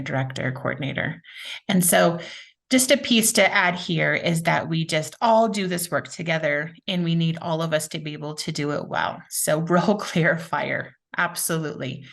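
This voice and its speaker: Low-voiced upbeat woman host. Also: gravelly. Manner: enthusiastic, reads out chat responses. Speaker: webinar facilitator. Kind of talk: upbeat live webinar hosting.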